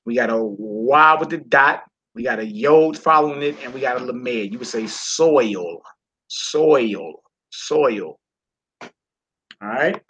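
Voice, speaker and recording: A man's voice: medium pitch, moderate pace, sharp tone, slightly rough, lo-fi sound. A man teaching a Hebrew reading lesson, encouraging his student and repeating words and phrases.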